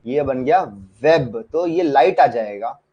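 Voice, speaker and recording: A man with a husky, mid-range voice teaches shorthand in a live online class, speaking animatedly but a little slowly. He's chatty, keeps saying "ठीक है," and often asks students if they understood. The sound is dull and lo-fi.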